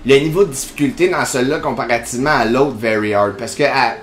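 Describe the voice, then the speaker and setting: A gaming channel host with a Quebec French accent chats through casual gameplay commentary, rambling and full of fillers. His medium-pitched voice moves quickly in an echoey room with slight background noise.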